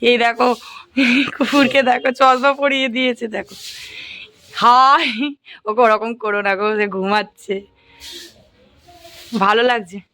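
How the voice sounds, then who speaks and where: Young woman, high voice, chatty home vlog narration, phone camera. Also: little pitch movement, normal speed, pauses often, fairly bright tone, clear, resonant tone. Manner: chatty, pointing things out to viewers, soothing a crying child. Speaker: family vlogger, mother. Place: at home with family around.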